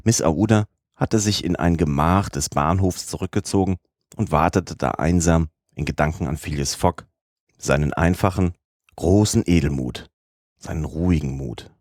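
A man narrating a classic adventure novel as an audiobook in a measured, even storytelling manner. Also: sits low, no room sound, clean studio sound.

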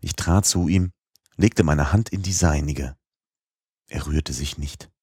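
A man narrating an audiobook in a measured, expressive storytelling manner. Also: a bass voice, husky, no echo, clean studio sound.

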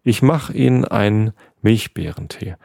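A man voicing an excitable, indignant male pet rabbit in a bedtime story, with outraged, pleading outbursts. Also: fairly low pitch, a little slow, vocal fry, no echo, clean studio sound. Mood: relieved.

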